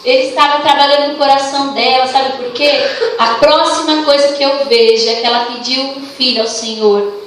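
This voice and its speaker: Young Brazilian woman preacher, high voice, heard from a distance in a very echoey church hall. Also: fairly even intonation, moderate pace, slight background noise. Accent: Brazilian Portuguese. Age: young adult. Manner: warm storytelling, acts out dialogue. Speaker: youth congress leader and preacher. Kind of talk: sermon.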